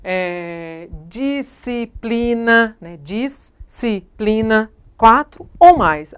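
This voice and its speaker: A woman with a Brazilian Portuguese accent, a teacher giving a recorded grammar lesson who explains patiently and keeps checking in with her students through short tag questions. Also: mid-range voice.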